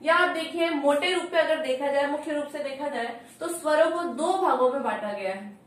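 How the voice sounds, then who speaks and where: A woman's voice: high voice, normal speed. A woman teaching a grammar lesson, repeating each point and asking questions she answers herself. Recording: echoey room, mic far off, faint noise.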